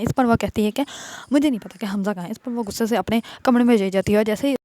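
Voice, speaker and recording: Higher-pitched woman casually retelling a drama. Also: a little mellow, no room sound. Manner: hesitant, frequent filler sounds. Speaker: drama recap narrator.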